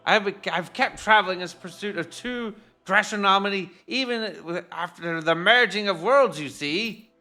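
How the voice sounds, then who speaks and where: A man voicing a pompous wandering male foodie chef, lofty and excitable, raising his voice well above his own. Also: sits high, a little slow, hardly any pauses, faint music behind, voice pushed up.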